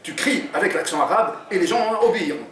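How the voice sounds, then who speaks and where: A man's voice: high voice, lively intonation, fairly bright tone, pitched above the performer's own voice. Man doing a bossy ringleader robber. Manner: instructing, brisk. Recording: echoey room, distant mic, faint noise.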